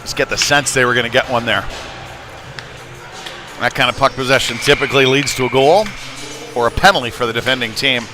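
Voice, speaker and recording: Over music and the noisy atmosphere of a live rink, a medium-pitched man gives hockey play-by-play a little fast, broken by long pauses. He's folksy and chatty, tossing in casual asides and rising with the action.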